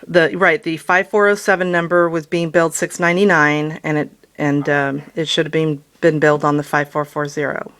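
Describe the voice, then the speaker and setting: A woman's voice: deep voice, flat delivery, moderate pace, hardly any pauses, fairly bright tone. A middle-aged woman, a customer on a phone call, explaining in a conversational, persistent way. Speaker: customer calling about a bill.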